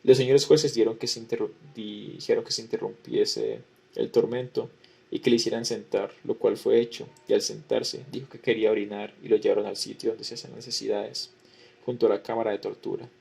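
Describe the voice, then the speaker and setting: A man lecturing, reading a historical record aloud in a measured way and repeating the same formula as he goes. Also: fairly low pitch, vocal fry, warm tone, husky.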